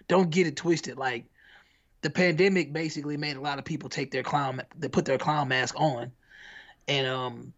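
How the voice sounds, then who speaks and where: A man's voice: a little high, lo-fi sound. An American man co-hosting a podcast, chatting casually in a rambling, slangy way with lots of restarts. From United States. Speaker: podcast co-host. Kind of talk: casual chat.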